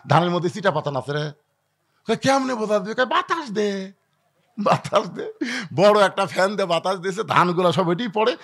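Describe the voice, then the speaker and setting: High voiced preacher, swoops all over, acts out little stories and gets the crowd to shout back. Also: male voice. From Bangladesh. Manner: dramatic storytelling, acting out dialogues, calling for audience responses. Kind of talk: Bengali waz sermon.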